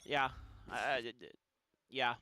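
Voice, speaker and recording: A man's voice: medium pitch, slow pace, pushed and bright. A man giving conversational esports commentary as an analyst caster, explaining plays and directly addressing the listener. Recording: game noise, gunfire and clicks behind. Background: video game gunfire.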